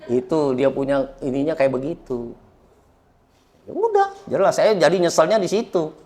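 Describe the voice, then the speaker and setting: A man's voice: a little high, sing-song, moderate pace, darkish tone. Blunt joking man. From Indonesia. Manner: blunt, joking, laughs often, preachy. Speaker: guest, convert sharing his story. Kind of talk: casual chat.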